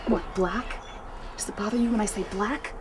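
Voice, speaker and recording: A woman's voice: medium pitch, normal speed, heavy background noise, close to an everyday voice. An actress playing a blunt, exasperated young woman confronting her mother, in stage comedy acting. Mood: confrontational.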